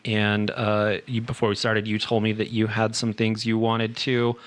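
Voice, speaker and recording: A man's voice: fairly low pitch, completely flat delivery, normal speed. Easygoing man hosting a podcast. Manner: easygoing storyteller, laughs often. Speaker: podcast host. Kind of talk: casual podcast banter.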